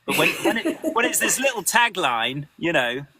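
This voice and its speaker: A man, a voice actor, answering questions in a live interview, animated and full of restarts. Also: a little high, normal speed, noisy background. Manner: animated, lots of restarts, acts out quotes.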